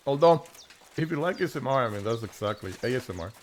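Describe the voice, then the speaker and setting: A man's voice: mid-range voice, animated, fairly quick, a little hiss or hum. A male gaming streamer giving casual commentary, thinking aloud and cursing mildly as he plays. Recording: clear game audio underneath. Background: game sounds of birds and countryside.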